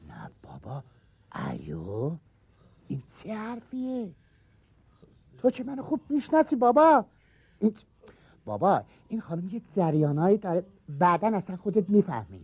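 An actor playing a put-upon café waiter who grumbles irritably. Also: male voice, high-pitched, huge pitch swings, long pauses, darkish tone, slightly rough, no echo, heavily acted. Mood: irritated. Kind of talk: TV sketch comedy acting.

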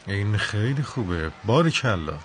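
An actor playing a kind, patient schoolteacher in a dubbed cartoon, who talks in a gentle, encouraging way. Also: male voice, lowish voice, sing-song, a little hiss or hum. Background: background music.

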